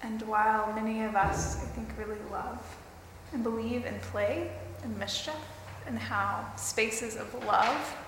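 A woman leading a guided mindfulness meditation for a group, speaking deliberately in short phrases with pauses between them. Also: a little high, fairly even intonation, fairly bright tone. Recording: roomy, reverberant hall with clear background noise.

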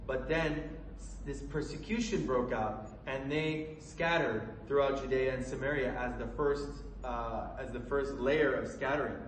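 A man from Colorado preaching a sermon in an earnest, halting way, with many fillers and restarts. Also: mid-range voice, recorded from a distance, a little hiss or hum. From Colorado, USA. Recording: echoey room from away from the mic.

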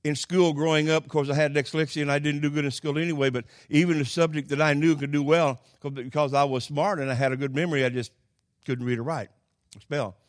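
An older man with an Oklahoma accent delivering a folksy sermon with personal stories, halting and plainspoken, moving between hushed asides and loud, emphatic lines. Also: on the high side, fairly even intonation, no room sound, clean studio sound. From Oklahoma, United States. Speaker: Pentecostal preacher.

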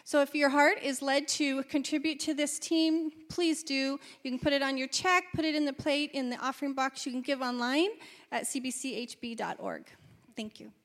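A woman's voice: high-pitched, steady tone, moderate pace, fairly bright tone. A woman making informal church announcements from her notes, talking to the congregation.

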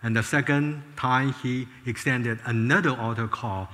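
A man's voice: medium pitch, steady tone, a little slow, sharp tone. A man in his sixties, from Taiwan, telling his life story in an earnest testimony talk, often restarting his sentences. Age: 60s. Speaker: former space scientist giving a testimony. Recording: long hall reverb.

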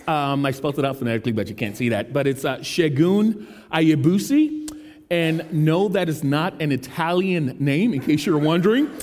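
High-voiced man preaching in a reverberant hall. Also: moderate pace, a little mellow. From United States. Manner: casual, self-deprecating and joking. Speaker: teaching pastor. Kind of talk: conversational sermon. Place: large church sanctuary.

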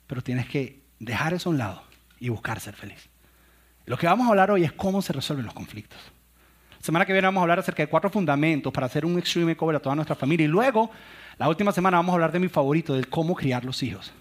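High-voiced man preaching a family sermon. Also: animated, fast. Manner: storytelling with acted-out quotes and laughs. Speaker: pastor.

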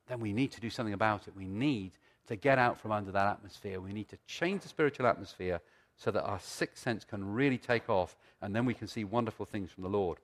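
A man's voice: on the low side, fast talker. A middle-aged or older man, preaching conversationally, telling stories, repeating phrases for emphasis and posing rhetorical questions. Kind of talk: sermon with storytelling and teaching.

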